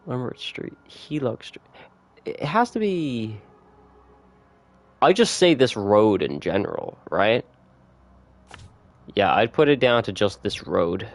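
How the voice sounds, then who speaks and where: A man chatting casually with viewers on a gaming livestream, laid-back and quick to laugh. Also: medium pitch. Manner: relaxed, chatty, laughs often, reads notes aloud. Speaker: streamer.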